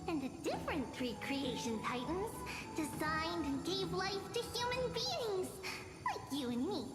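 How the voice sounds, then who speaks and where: A squeaky chipmunk-voiced bath sprite. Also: female voice, heavily acted. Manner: chirpy, sing-song storytelling. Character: tiny bath sprite narrator, chirpy and bossy. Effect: sped-up, squeaky chipmunk voice. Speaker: storyteller giving a history class. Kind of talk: video game cutscene voice acting. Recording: echoey room with loud music.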